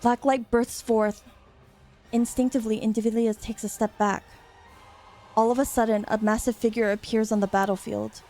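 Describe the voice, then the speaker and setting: A woman's voice: fairly high pitch, level tone, normal speed, dark tone, soft background music. A woman reading a game's story aloud as dramatic narration.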